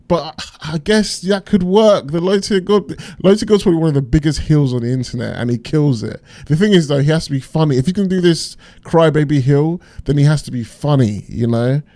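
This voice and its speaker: A man's voice: a little high, fairly quick, dark tone, dry recording. A man giving casual, off-the-cuff reaction commentary, slangy and musing aloud as he goes.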